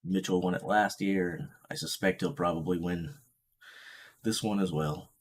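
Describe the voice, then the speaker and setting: A man's voice: sits low, steady tone, normal speed, husky. A man casually hosting a live watch-along stream, thinking aloud and muttering to himself as he fiddles with the stream controls.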